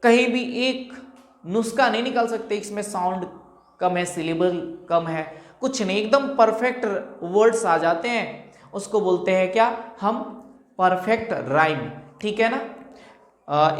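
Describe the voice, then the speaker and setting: A woman gives an English lesson in Hindi laced with English terms, in a voice of ordinary pitch for a woman. She keeps asking "what do we call it?" and then answers herself. She stretches out example words to show where the stress falls, and the room around her echoes. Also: lively intonation, unhurried. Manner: explains in Hindi mixed with English terms, asks rhetorical questions then answers them. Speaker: English teacher. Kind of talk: classroom-style lesson explaining rhyme types.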